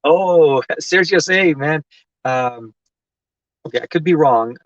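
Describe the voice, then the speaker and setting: A man's voice: a little high, slow pace, no echo, muffled recording. A man from Lebanon hosting a casual tech live stream from inside a parked car, rambling and chatty with lots of fillers as he answers viewer comments.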